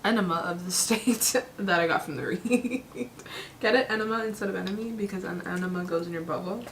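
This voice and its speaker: A woman's voice: mid-range voice, brisk. A young woman, a guest friend, chatting casually and making playful puns. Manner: playful, punning, laughing. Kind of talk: casual chat. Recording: slightly distant mic with faint room noise.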